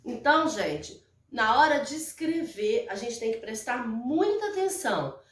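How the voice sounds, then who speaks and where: A Brazilian primary school teacher, her voice a little high and very animated, leads a recorded lesson for small children in Brazilian Portuguese. Slow and patient, she repeats explanations and keeps checking in with her pupils. The sound comes from a distant mic in a room with echo.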